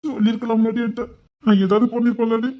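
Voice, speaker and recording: In lightly acted village romance drama, a woman voices a young village man fussing over his sweetheart in a fast, coaxing way. Her voice is on the high side with a flat delivery, and the audio sounds dull.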